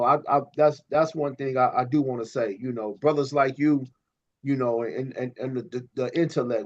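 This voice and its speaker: Man on a podcast getting preachy, repeats himself a lot, kinda lo-fi sound. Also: medium pitch. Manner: animated, preachy, repeats words. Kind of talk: casual podcast conversation. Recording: slightly dull lo-fi audio.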